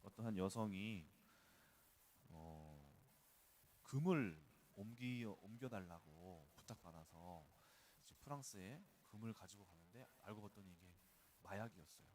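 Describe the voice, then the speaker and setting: A man's voice: low-pitched, unhurried, a little mellow, a little hiss or hum. A male pastor preaching at an early-morning church service, talking in a conversational way and weaving in personal stories. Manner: conversational, storytelling with personal anecdotes. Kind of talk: dawn service sermon.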